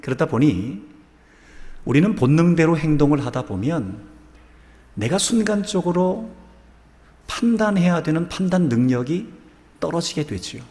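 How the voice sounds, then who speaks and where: A male pastor preaching a sermon and telling a story slowly and deliberately. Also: on the high side, lively intonation, dark tone. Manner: slow, measured storytelling. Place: church sanctuary. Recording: long church reverb.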